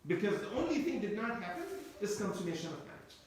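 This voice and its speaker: A Quran teacher who grew up speaking Turkish delivers a tafseer lecture in a high, sing-song voice at a quick pace. He wanders as he explains, repeating and restarting phrases. The room is echoey and the mic sits at a distance.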